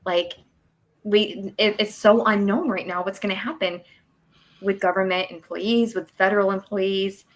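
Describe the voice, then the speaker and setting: A woman's voice: mid-range voice, steady tone, a little slow. A woman, a guest on a talk show, explaining benefit rules at length in a casual, chatty way. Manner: explanatory, talks at length with fillers. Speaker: work incentives coordinator guest. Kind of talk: casual chat on a podcast.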